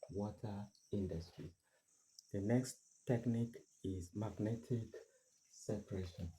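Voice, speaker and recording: A man's voice: lowish voice, dark tone, slight background noise, rough recording. A man explaining a science lesson, repeating words and answering his own questions. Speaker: teacher.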